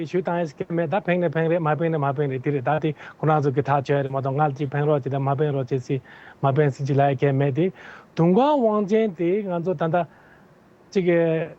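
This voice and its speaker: Brief: male candidate, high-pitched, earnest and explanatory, dull lo-fi sound. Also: a little mellow. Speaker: political candidate interviewed as guest. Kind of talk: answering interview questions at length.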